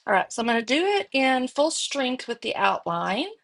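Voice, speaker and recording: A woman's voice: sits high, big pitch swings, normal speed, vocal fry, fairly bright tone, no echo. A woman with a Texas accent hosting a casual card-making demo, chatting and thinking aloud as she works. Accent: Texan. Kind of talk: casual live crafting demo.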